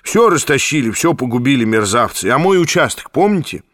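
A man's voice: medium pitch, sing-song, a little fast, a bit bright, dry recording, studio quality. A man voicing a jovial, nostalgic former police officer with hearty exclamations.

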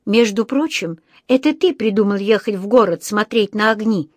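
A woman's voice: mid-range voice, lively intonation, normal speed, dry recording, studio quality, natural voice. A woman voicing a flustered middle-aged mother in a storybook reading, anxious and pleading.

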